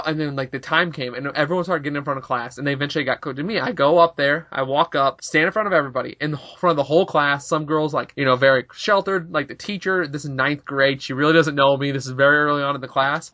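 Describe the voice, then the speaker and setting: A young man with a bright, forceful, slightly high voice tells a rambling story, packing his sentences with filler words. The sound is dry and dull, like a lo-fi recording. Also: fast, hardly any pauses, dry recording. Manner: rambling, filler-heavy with frequent "like". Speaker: podcast co-host. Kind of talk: casual storytelling chat.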